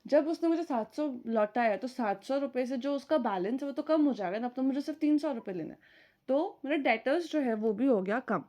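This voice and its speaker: A woman teaching an online accounting class, her voice sitting a little on the high side. She walks through each point step by step and keeps checking with her students whether it is clear, slipping English terms into her explanations. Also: lively intonation, fairly quick, warm tone. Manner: mixes English terms into Hindi speech. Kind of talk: recorded online lecture.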